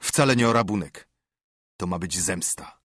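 A man voicing a vengeful, scheming outlaw in an audiobook, curt and threatening, with a husky voice. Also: deep voice, expressive, normal speed, a bit bright, no echo, clean studio sound. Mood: menacing. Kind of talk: audiobook character voice.

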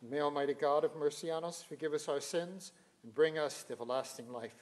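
A man's voice: on the high side, steady tone, fairly quick. Older male priest leading Mass. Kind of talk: liturgical speech at Mass. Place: church sanctuary at the altar, indoors.

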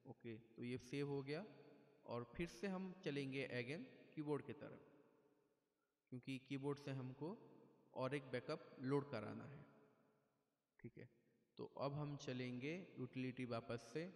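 A man's voice: medium pitch, a little slow, long pauses. Man explaining step by step in an echoey room. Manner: plain, patient explaining with frequent "theek hai". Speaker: keyboard tutorial presenter. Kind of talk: casual step-by-step tutorial. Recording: echoey room with long reverb.

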